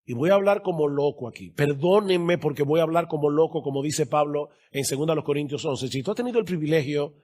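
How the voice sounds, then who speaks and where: A male pastor preaching a sermon, stressing key words by slowing down and growing louder. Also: a little high.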